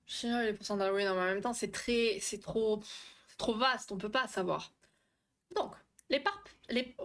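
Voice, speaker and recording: A young woman hosting a casual live stream, chatty and quick to swear, often tripping over her words while she answers the chat. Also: mid-range voice, a bit bright. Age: young adult. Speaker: livestream host on relationships.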